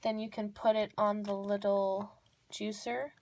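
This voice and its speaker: A woman's voice: medium pitch, level tone, unhurried, a little mellow. A young woman narrating a casual show-and-tell of miniature toys off camera, gushing and repeating words for emphasis. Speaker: toy unboxing vlogger. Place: indoors at a table. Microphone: off-camera voice over hands-on tabletop close-up.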